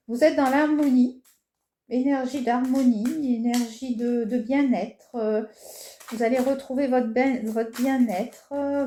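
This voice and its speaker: A woman's voice: on the high side, mellow. Woman reading tarot in an echoey room. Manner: hesitant, many fillers and reassuring tags. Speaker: tarot reader. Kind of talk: casual horoscope card reading. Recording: echoey room with faint noise.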